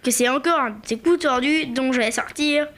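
Boy doing a high, sulky storybook wolf, fed up and suspicious, talks back. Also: fairly quick, fairly bright tone. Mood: sulky, indignant. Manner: sulky, indignant back-talk.

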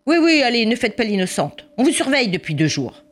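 A woman's voice: fairly high pitch, big pitch swings, fairly quick, pitched above the performer's own voice. Stern accusing policeman, as a woman plays him. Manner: insistent, accusing. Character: stern, suspicious male police officer.

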